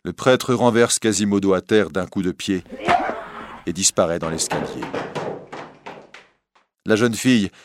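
A man narrating a storybook reading in a calm, measured way. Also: deep voice, very noisy.

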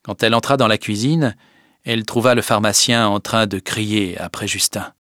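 Low-voiced man narrating a classic novel. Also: dry recording, studio quality. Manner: measured, expressive, sinking low on tags. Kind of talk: audiobook reading of a classic novel.

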